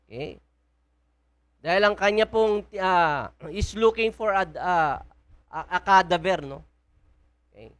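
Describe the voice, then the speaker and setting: A woman's voice: on the low side, expressive, takes it slowly, long pauses. A woman with a Filipino accent preaching a sermon in a church, often asking the congregation questions. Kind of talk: sermon mixing Tagalog and English.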